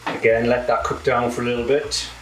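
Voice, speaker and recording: A man's voice: medium pitch, flat delivery, brisk, a bit bright, reverberant, soft background music, low-quality recording. A British man with a camp, cheeky manner, casually presenting a cooking demonstration as a home cook. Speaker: home cook presenting own recipe show. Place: indoor kitchen.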